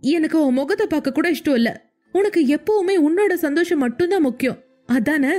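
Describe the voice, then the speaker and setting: A woman voicing a tearful, desperate young female student who pleads and sobs in a high voice. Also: expressive, brisk, darkish tone, faint music behind. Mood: tearful pleading. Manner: sobbing, high-pitched pleading.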